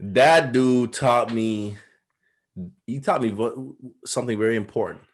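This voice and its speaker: A man co-hosts a relaxed talk show. His voice sits at an ordinary middle pitch. He talks in slangy, emphatic bursts and stretches out the words he wants to stress. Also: a little slow. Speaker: podcast co-host. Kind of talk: casual chat.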